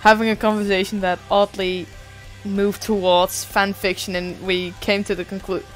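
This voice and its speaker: A woman's voice: medium pitch, level tone, moderate pace, faint music behind. A young adult woman streamer chatting casually, rambling and self-deprecating, swearing now and then.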